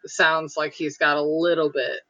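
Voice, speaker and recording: Bright rambling woman, muffled sound. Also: low voice, level tone, normal speed, no echo. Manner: rambling, lots of likes and uhs, giggly. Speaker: friend chatting. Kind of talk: casual chat.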